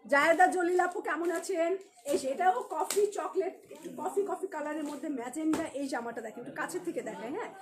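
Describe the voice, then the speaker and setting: A woman with a Bangladeshi Bengali accent runs a clothing shop and sells on a live stream. Her voice sits high and she talks fast, chatting and joking as she greets viewers by name.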